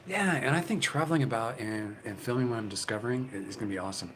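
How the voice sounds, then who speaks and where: A man's voice: medium pitch, fast talker, a bit bright, a little hiss or hum. A man in his fifties chatting casually with his viewers as a channel host, rambling and swearing, full of fillers and restarts. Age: 50s. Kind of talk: casual live chat with viewers.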